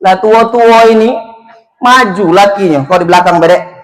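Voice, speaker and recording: High-voiced jokey male preacher. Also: moderate pace, low-quality recording. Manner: jokey, chatty, addresses the couple directly. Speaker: preacher at a wedding. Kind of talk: humorous wedding sermon.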